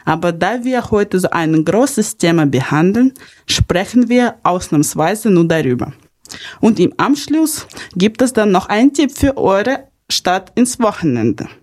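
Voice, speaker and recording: Telling stories from her own life, this young podcast host from Kharkiv speaks German as a non-native, with a Ukrainian accent and minor grammatical errors. Her medium-pitched voice is expressive and darkish, and she speaks a little slowly.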